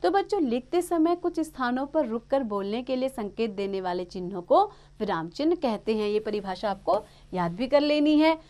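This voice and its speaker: A woman's voice: on the high side, animated, moderate pace, hardly any pauses, warm tone. Patient woman teaching young children. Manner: patient, explaining step by step to children. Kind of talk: Hindi grammar lesson for children.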